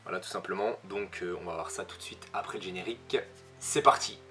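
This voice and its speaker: A man talks through a casual review in a lowish voice with a bright, forceful edge. He is chatty and stops often to hesitate and correct himself. Faint music plays behind him. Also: fairly quick. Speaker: manga reviewer.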